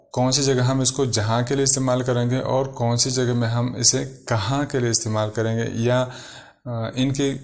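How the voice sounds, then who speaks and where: Man, English teacher, vocabulary lesson, slow repetition, mid pitch. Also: creaky. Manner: slow, repeats each English word then gives its meaning.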